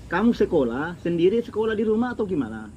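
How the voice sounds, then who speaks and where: A man with a fairly high voice argues in a live-stream debate. He pushes back on his opponent and keeps asking for a chance to explain himself. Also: very animated, fast, a little mellow, a little hiss or hum, poor audio. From Indonesia. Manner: argumentative, asks for time to explain. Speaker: debate guest.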